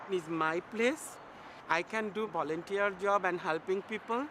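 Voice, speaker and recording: A woman's voice: mid-range voice, measured pace, noisy background. A woman from Bangladesh, speaking simple broken English in a documentary interview, earnest and direct. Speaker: volunteer.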